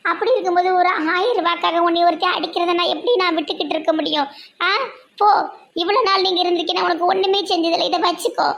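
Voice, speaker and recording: A woman's voice: very high-pitched, steady tone, fast talker, gravelly, a bit bright, full character voice. A woman voicing a hot-tempered, generous young village wife in a comic cartoon, with a Tirunelveli Tamil accent and an emphatic, scolding manner. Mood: insistent.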